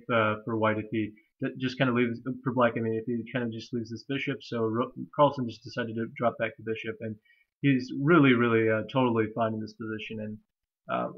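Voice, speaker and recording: A young man with a nasal, stuffy voice from allergies, casually walking through a chess game with many fillers and restarts. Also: medium pitch. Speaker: chess commentator. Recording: slightly dull lo-fi recording.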